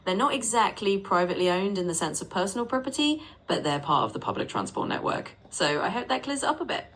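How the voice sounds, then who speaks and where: A synthetic female voice acting as a patient English tutor, gently correcting and repeating sentences. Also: mid-range voice, very animated, fast, rough recording. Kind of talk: conversational language tutoring.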